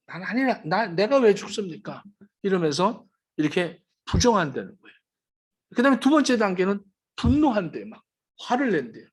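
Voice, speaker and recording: A man preaching a sermon as pastor, dramatic, acting out the quoted words of the dying. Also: on the high side. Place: church sanctuary.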